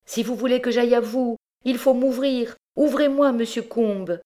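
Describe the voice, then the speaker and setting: A woman's voice: fairly low pitch, a little slow, a little mellow, pitched above the performer's own voice, close to an everyday voice. A woman voicing a brave young woman who pleads urgently and comforts tenderly. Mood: pleading.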